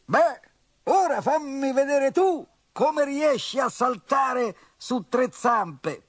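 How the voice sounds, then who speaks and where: Man doing a squeaky indignant rhinoceros. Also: expressive, slow, no room sound, studio quality, exaggerated voice. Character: rhinoceros, male, large, indignant.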